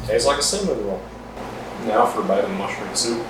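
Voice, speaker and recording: A man's voice: lowish voice, fairly quick, far from the mic, noisy background. A man chatting casually as a cooking vlogger, rambling and self-deprecating. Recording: roomy echo, off-mic, music behind.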